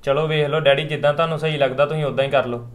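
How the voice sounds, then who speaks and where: A man's voice: fairly high pitch, steady tone, racing, lightly acted. An actor playing a caring young brother who coaxes his sister to take her medicine. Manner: coaxing, caring.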